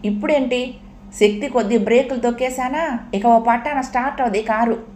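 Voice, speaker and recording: A woman's voice: a little high, fairly quick, darkish tone, a little hiss or hum, voice pushed up, close to an everyday voice. A woman voicing an irritable, bossy man at the wheel in a comic audiobook, snapping out orders. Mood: irritated. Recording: roomy echo.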